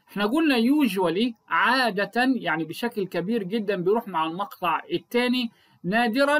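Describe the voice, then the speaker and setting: A man's voice: sits high, a bit bright. A middle-aged man with an Egyptian Arabic accent, explaining a phonics lesson to teachers and answering his own rhetorical questions. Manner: asks rhetorical questions and answers them himself. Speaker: English teacher.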